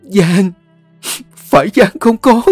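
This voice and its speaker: A man voicing an emotional older mother, pleading in a high, raised voice. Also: animated, unhurried, darkish tone, no echo, soft background music. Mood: tearful.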